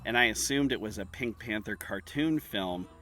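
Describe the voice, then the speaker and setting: A man with a somewhat low but bright, forceful voice co-hosts a casual podcast. He talks in hesitant loops, second-guessing his memory as he goes. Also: normal speed. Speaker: podcast co-host. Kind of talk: casual chat.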